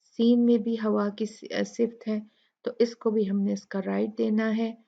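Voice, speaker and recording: A woman with a Pakistani Urdu accent teaching Quran recitation rules, patiently repeating sounds slowly to demonstrate them. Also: on the high side, flat delivery, vocal fry, mellow. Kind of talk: tajweed lesson explaining recitation rules. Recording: dull lo-fi recording.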